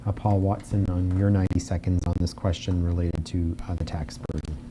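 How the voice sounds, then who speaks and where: Brisk dark-voiced forum moderator man. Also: low-pitched, fairly even intonation, slight background noise, rough recording. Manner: brisk, businesslike timekeeping.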